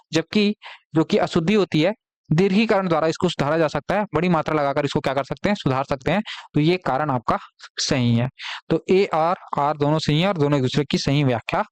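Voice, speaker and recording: Male exam-prep tutor, Chhattisgarh Hindi accent, slightly high voice, patient and repetitive, quizzes students; dry, close recording. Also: dry recording. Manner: explains patiently, repeats key words, asks students questions. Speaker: teacher. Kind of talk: live online exam-prep class. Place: classroom.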